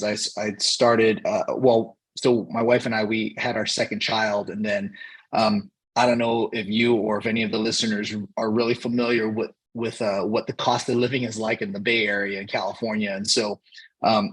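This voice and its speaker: A man in his thirties from Hawaii, a cheer coach, talking casually in an interview and pausing often to find his words. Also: lowish voice, a bit bright, husky, low-quality recording. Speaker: cheer coach, podcast guest.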